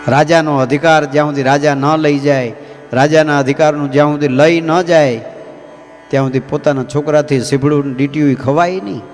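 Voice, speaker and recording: A man's voice: fairly high pitch, fairly even intonation, brisk. A man, a swami giving a folksy storytelling sermon with asides to his listeners. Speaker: swami preacher. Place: temple hall. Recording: long temple-hall reverb, faint music.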